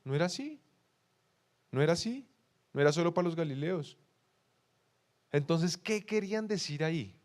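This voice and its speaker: A young man from Colombia, a pastor with a Bogotá accent, preaching in an animated way, asking the congregation questions and acting out quoted excuses. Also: on the high side, normal speed, long pauses. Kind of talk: sermon.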